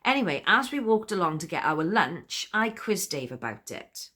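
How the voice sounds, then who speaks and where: A woman's voice: lowish voice, very animated, normal speed, bright, forceful tone, exaggerated voice. A woman playing a giggly, chatty storyteller. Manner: confiding, laughs often between sentences. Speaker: monologue performer. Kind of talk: comic spoken monologue.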